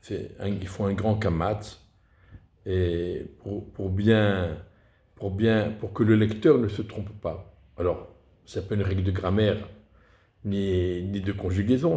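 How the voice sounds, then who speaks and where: Slow, mellow man teaching in an echoey room. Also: fairly low pitch. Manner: deliberate, with repeated restarts. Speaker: Torah reading teacher. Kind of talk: explanatory lesson.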